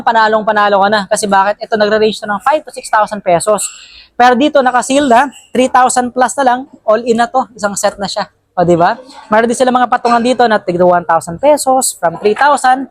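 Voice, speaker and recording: A woman's voice: on the high side, a little fast, no room sound. A woman with a Filipino accent, chatty and upbeat, walking viewers through a warehouse sale in a vlog. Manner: upbeat, chatty, frequent tag questions. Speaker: vlogger touring a store sale. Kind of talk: walk-through shopping vlog. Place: large indoor warehouse store.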